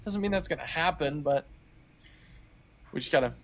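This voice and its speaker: A man's voice: a little high, normal speed, a bit bright. A man co-hosting live storm coverage, thinking aloud in a cautious, hedging way. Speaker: co-host storm tracker. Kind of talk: live weather commentary.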